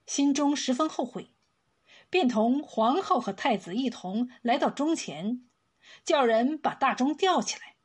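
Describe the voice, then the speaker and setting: A woman telling an old folk tale as scripted storybook narration, slow and deliberate. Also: fairly high pitch, husky.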